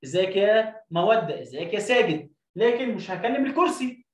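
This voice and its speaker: A man with an Egyptian accent teaching children to read, stretching syllables out slowly and then explaining in quick bursts. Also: high voice, sing-song, roomy sound, distant mic. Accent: Egyptian Arabic. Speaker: reading teacher. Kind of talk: children's reading lesson.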